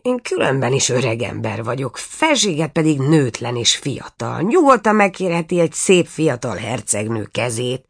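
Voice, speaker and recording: A grumbling, protesting old vizier stuck as a stork, read by a woman telling the story. The voice sits low, close to her plain narration. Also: sing-song, gravelly, few pauses, breathy edge, full character voice. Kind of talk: storybook reading.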